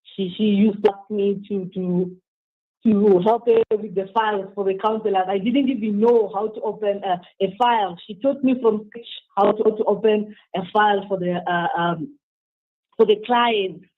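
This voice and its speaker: Over a tinny telephone line, a Zimbabwean woman in her thirties shares her personal story as a phone-in interview guest. She's hesitant and keeps restarting, though her mid-range voice holds a steady tone at a moderate pace.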